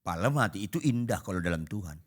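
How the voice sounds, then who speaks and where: A man preaching to a congregation, animated and humorous, acting out conversations and swinging between shouts and half voice. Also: low-pitched, quick pace. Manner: animated, acts out dialogues, shouts and drops to half voice. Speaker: pastor. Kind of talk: humorous sermon. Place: church hall before a congregation.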